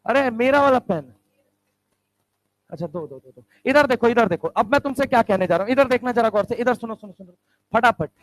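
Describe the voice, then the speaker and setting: A male chemistry teacher lecturing a class, firing quick rhetorical questions and answering them himself. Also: extremely high pitch, expressive, no room sound, low-quality recording. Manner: answers his own questions aloud.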